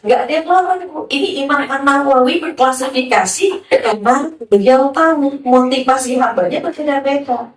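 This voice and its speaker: A woman preacher giving a sermon to a gathering, talking in a lively way and asking many rhetorical questions. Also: high voice, moderate pace. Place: hall with a listening audience. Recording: roomy, from a distance.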